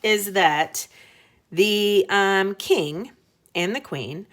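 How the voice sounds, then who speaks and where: Very slowly and in a mid-range voice, a woman who teaches elementary school explains a story to young children during a read-aloud lesson. She keeps her words simple and conversational, pausing for brief check-in questions.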